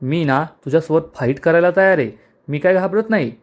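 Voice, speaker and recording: A playful young husband in a TV serial recap, chatty and reassuring, lightly raised in pitch. A man reads his lines. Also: fairly quick, dull audio, lightly acted. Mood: bantering. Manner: bantering, chatty.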